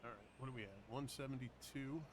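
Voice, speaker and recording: A man's voice: medium pitch, fairly even intonation, fast. A man streaming a game, muttering short casual remarks as he plays. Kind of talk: casual gameplay chat. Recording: very noisy, with clicks.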